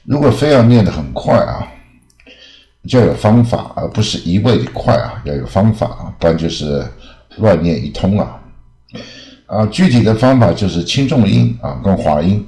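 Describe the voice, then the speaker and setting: Low-voiced man teaching with rambling fillers. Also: sing-song, dark tone. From Taiwan. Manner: rambling, ends phrases with drawn-out "ah" fillers. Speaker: English teacher. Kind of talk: casual spoken lesson. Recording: echoey room.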